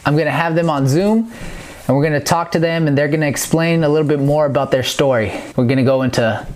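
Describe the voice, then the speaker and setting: A man's voice: a little high, fast talker, slight background noise. A young man hosting a podcast, telling a story in a loose, profane way with lots of laughs. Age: young adult. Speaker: podcast host. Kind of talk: casual storytelling.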